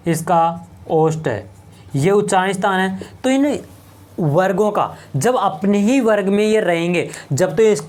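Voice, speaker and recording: A man's voice: high-pitched, a little mellow. Male teacher lecturing at a board. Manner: repeats points and asks rhetorical questions. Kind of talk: whiteboard lecture.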